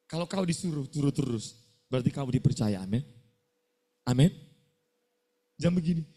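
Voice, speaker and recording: A man's voice: medium pitch, animated, normal speed, warm tone, breathy edge. A middle-aged male pastor, preaching a scolding sermon to students and firing call-and-response questions at them.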